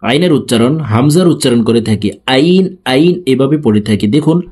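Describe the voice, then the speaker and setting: A man teaching letter pronunciation, explaining each sound slowly and then chanting it with long drawn-out vowels. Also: mid-range voice, lively intonation, dark tone, slightly rough. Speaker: Quran reading teacher.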